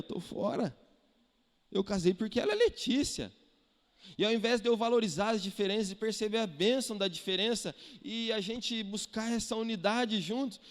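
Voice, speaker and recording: A Brazilian man preaching a sermon as pastor, animated, firing rhetorical questions and acting out quotes. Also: high-pitched. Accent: Brazilian Portuguese. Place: church hall. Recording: echoey church hall.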